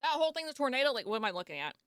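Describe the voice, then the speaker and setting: A woman giving casual, animated reaction commentary with joking, slangy remarks. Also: sits high, rapid-fire, smooth, no echo. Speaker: reaction video host.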